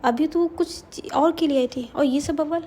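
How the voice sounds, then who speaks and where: A frightened young woman accuses in halting, tearful bursts, voiced by a woman telling a story. Her voice is high, with a dark, mellow tone. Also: slight background noise, natural voice. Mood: accusing.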